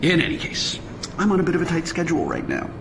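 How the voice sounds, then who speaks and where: An actor playing a vain, smug villain in a video game, monologuing with slow theatrical menace. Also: male voice, fairly high pitch, huge pitch swings, gravelly, noisy background, heavily acted. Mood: smug, dismissive.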